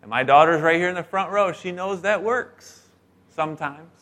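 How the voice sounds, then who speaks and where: A middle-aged man preaching a sermon, telling stories in a lively way and acting out the voices of the people in them. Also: a little high, normal speed. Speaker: pastor.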